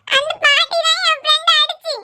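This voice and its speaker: A woman's voice: flat delivery, a little fast, very noisy. A woman voicing a small worried girl in a cartoon, speaking with a Kanyakumari Tamil accent in a pleading, insistent way. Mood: pleading, tearful. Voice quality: high, bright childlike voice. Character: small tearful girl, worried about her father. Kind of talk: cartoon voice acting.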